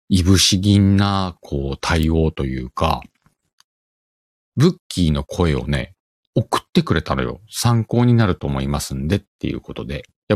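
A middle-aged man with a Kansai accent, hosting a casual solo chat and telling a rambling, animated story. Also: low voice, no echo. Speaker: podcast host.

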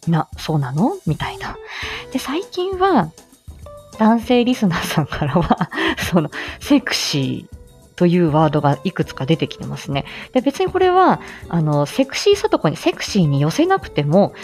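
Calm low-voiced woman chatting on stream. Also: moderate pace, soft background music. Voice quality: calm, clear diction, low voice. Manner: chatty, frequent fillers, reads viewer comments. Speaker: streamer, voice reader. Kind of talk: casual livestream chat.

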